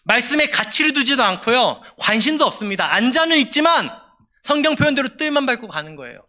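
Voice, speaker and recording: A male pastor delivers a sermon with an emphatic delivery that rises and falls. His voice sits high and swings widely in pitch. Its tone is very bright and sharp. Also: very animated, a little fast. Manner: emphatic, rising and falling preaching delivery.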